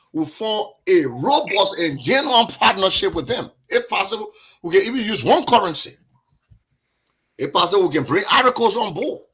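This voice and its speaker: A man's voice: on the high side, bright, forceful tone, slightly rough. A man with a Liberian accent, a guest on a discussion podcast, talking earnestly and repeating words as he builds his point.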